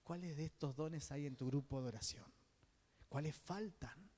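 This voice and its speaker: A man's voice: a little high, moderate pace, warm tone. An Argentine man leading a religious teaching session in a preacherly style. He keeps checking in with his listeners and answers his own questions. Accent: Argentine Spanish. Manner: keeps checking in with the group by asking "¿Sí?"; poses questions to the group and answers them himself. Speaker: diocesan coordinator teaching a course. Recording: long hall reverb.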